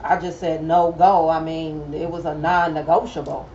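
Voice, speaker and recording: A woman's voice: low-pitched, flat delivery, normal speed, darkish tone, a little hiss or hum. A woman in her thirties sharing her own story in a firm, earnest way during a casual chat. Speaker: podcast co-host. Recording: roomy, distant, slightly dull sound.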